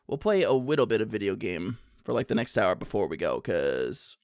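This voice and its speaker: Young man, casual streamer banter, laughs a lot, lively swooping voice, dry close mic. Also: lowish voice, creaky, dry recording. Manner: laughs often, animated and playful, reacting to chat. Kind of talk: casual chat with viewers.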